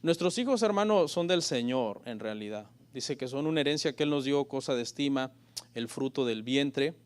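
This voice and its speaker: A man preaching a church sermon as pastor, often calling his listeners brothers and moving between loud emphatic peaks and quiet asides. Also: medium pitch, lively intonation, moderate pace, clean tone. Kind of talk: Spanish-language church sermon.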